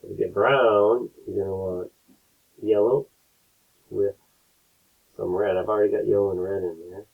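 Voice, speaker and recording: A man teaching a painting lesson step by step, his audio a low-quality, tinny stream as he keeps checking in with his students. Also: normal speed, vocal fry, pauses often. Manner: relaxed, explains step by step, keeps checking in with "right?". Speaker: art teacher. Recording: tinny lo-fi phone-like sound.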